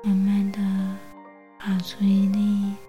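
A woman narrating a guided bedtime relaxation like a sleep story narrator, in a soothing, hushed, breathy near-whisper with long pauses. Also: medium pitch, monotone, soft background music. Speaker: host of a bedtime relaxation show.

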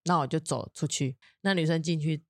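A young woman, co-hosting a podcast, telling a personal story in an animated way and breaking into high laughing bursts. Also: brisk, dry recording, studio quality. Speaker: podcast co-host. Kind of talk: casual storytelling chat.

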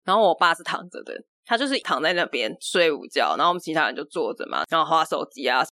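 A woman with a Taiwanese Mandarin accent, co-hosting a podcast and telling a family story in lively, exasperated fashion. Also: low-pitched, fast talker, no room sound. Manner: animated storytelling, exasperated retellings. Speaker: podcast co-host. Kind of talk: casual chat.

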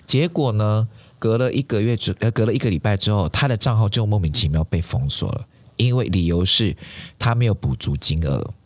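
A man telling a story in a casual podcast chat, animated and quick to laugh. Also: fairly low pitch, dry recording. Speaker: podcast co-host.

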